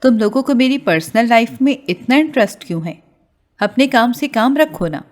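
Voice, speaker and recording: A woman voicing a defiant young female student who speaks in raised, sharp tones. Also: on the low side, lightly acted. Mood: furious.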